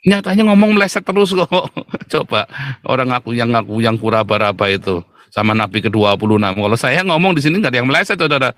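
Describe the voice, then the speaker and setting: A middle-aged man, preaching a fiery sermon in a blunt, mocking, booming way. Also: fast talker, fairly bright tone, no room sound. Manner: blunt, mocking, booming, addresses listeners as "saudara".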